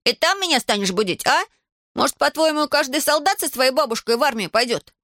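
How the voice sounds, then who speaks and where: A cheeky, stubborn young grandson, played by a woman reading a storybook aloud. The voice sits clearly higher than her telling voice and bounces along with lively pitch. The sound is close and dry. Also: a little fast, no room sound. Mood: indignant. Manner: high bright boyish pitch.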